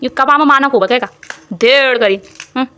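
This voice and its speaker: A young woman vlogging with a Garhwali-tinged Hindi accent, teasing and coaxing a small child in loud, high bursts, then narrating her day casually. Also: normal speed. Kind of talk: casual family vlog.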